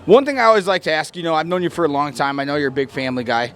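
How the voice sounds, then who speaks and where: A man's voice: a little high, very fast. A man doing a casual sports interview in an informal, chummy way. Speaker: interviewer, former fighter.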